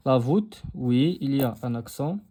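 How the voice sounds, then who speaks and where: A man's voice: mid-range voice, expressive, unhurried, dark tone, a little hiss or hum. A young Moroccan man teaching a lesson in a patient way, repeating his phrases and switching between French and Arabic. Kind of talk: explaining a textbook lesson.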